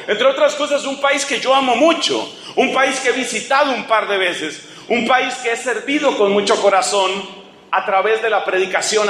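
A man's voice: extremely high pitch, sharp tone, slight background noise. A man preaching a sermon in an impassioned, sarcastic and rhetorical way, recorded in an echoing hall.

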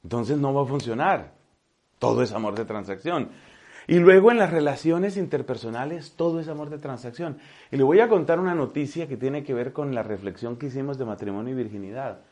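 A man from Colombia preaching a sermon in an animated, folksy way, repeating key phrases and slipping in humor. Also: medium pitch, fairly quick.

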